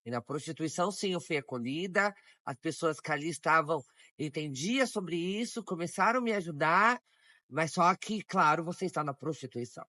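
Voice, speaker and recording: A woman in her forties giving a documentary testimony in a measured, reflective way with pauses. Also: sits low, expressive, pushed and bright, no room sound, studio quality. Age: 40s. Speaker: interviewee.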